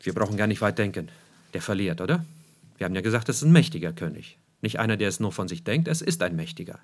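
A man's voice: fairly low pitch, expressive, fast talker. A man preaching a sermon, emphatic, repeating key phrases for weight and asking his listeners rhetorical questions.

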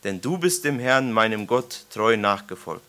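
A man's voice: on the low side, expressive, measured pace, a bit bright. A man in his thirties preaching to his congregation, reading scripture aloud and joking with listeners through questions. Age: 30s. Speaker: preacher leading a Bible study. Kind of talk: informal sermon with scripture reading. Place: church congregation gathering.

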